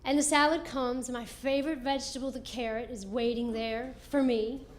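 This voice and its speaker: A woman doing stand-up comedy, telling a self-mocking story in an animated way on a comedy club stage. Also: on the high side, normal speed. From American South.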